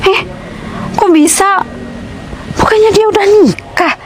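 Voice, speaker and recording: A woman's voice: very high-pitched, measured pace, a little hiss or hum, poor audio. An actress playing a pushy young woman who chats to herself and presses her boyfriend on the phone to keep his promise to pay. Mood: chatty. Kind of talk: short film acting.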